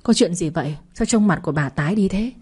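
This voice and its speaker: A woman's voice: fairly low pitch, animated, fast talker, a little mellow, breathy edge. A woman voicing a shocked older man, a grieving father in a narrated audio story. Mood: alarmed. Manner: shocked, disbelieving.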